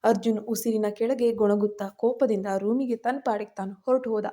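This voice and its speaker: A woman storyteller narrating a story in a steady, even reading. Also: on the high side, a little fast.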